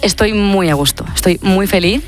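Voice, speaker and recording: On a casual radio interview, a young Catalan singer from Spain talks in an upbeat, chatty way full of fillers. She speaks at medium pitch and normal speed over soft background music.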